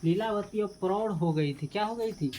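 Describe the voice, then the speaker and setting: A woman teaches a class, reading a text line by line and then asking the students about it. Her pitch sits in an ordinary middle range. A faint hiss runs underneath her voice. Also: moderate pace, mellow. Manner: repeats each line and quizzes students, mixing in local dialect. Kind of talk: explaining a school text to a class.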